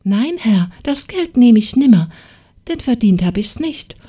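A woman voicing a humble, gentle young peasant maid in a fairy tale audiobook, speaking timidly and pleadingly. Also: fairly high pitch, big pitch swings, a little slow, slightly rough, voice pushed up, exaggerated voice. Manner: timid, pleading, soft-spoken.

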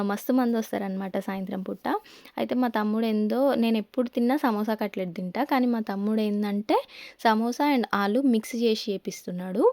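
A woman's voice: fairly high pitch, warm tone, no echo, clean studio sound. A young woman with a Telangana Telugu accent, narrating a family vlog in a chatty, storytelling way. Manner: chatty, storytelling with quoted asides. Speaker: family vlogger.

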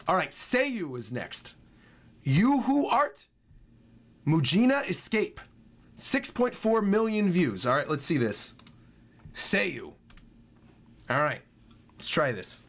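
In his small bedroom, with trailer music in the background, a young male streamer gives chatty, excited live commentary on game trailers and often repeats himself. His fairly high, slightly bright voice swings widely in pitch. He takes his time and pauses often.

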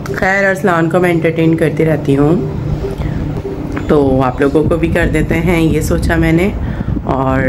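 A woman in her thirties with a Karachi Urdu accent, talking to her viewers on a phone held at arm's length. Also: low-pitched. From Pakistan. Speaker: family vlogger. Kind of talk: casual vlog narration. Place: crowded wedding hall. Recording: noisy wedding hall with music. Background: loud music and crowd.

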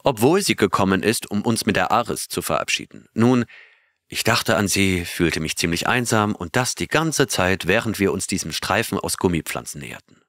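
An earnest male astronaut recounting his adventure to his crew in an audiobook, read by a man. His voice sits very low yet sounds forceful and bright, and it is recorded dry and close. He draws his listeners in with questions as he goes. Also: animated, normal speed, no room sound. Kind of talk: audiobook reading of a character's tale.

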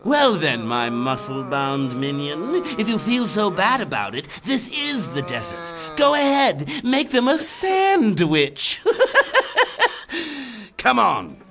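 A man's voice: high-pitched, wildly swooping pitch, slow pace, a crowd in the background, exaggerated voice. A man voicing a gleeful, menacing clown crime lord in a comic-book drama, theatrical, sardonic and taunting. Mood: flippant scheming. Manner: theatrical, drawling, sardonic, cackling.

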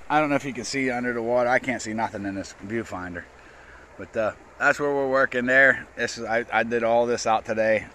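This gold prospecting vlogger has a fairly low-pitched, sharp voice, caught in a rough recording with a little hiss or hum. He chats loosely into an action camera by a river, his casual narration rambling, folksy and repetitive.

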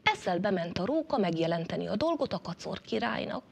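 A woman narrating a folk tale, lively and expressive, rising and falling with the action. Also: gravelly, husky. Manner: lively, shifting pitch and loudness with the action. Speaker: storyteller.

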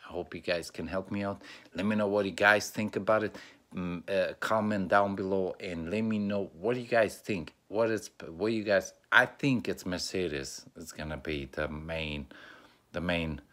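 Albanian-accented man, very deep voice, halting casual vlog talk, lots of fillers. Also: a bit bright. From North Macedonia. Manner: halting, many fillers and restarts. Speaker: YouTuber. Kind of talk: casual race preview monologue.

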